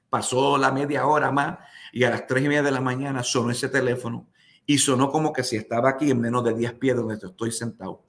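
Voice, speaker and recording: A man's voice: mid-range voice, a bit bright. A man, a pastor, telling a personal testimony with emotional, dramatic retelling and quoted voices. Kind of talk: testimony storytelling.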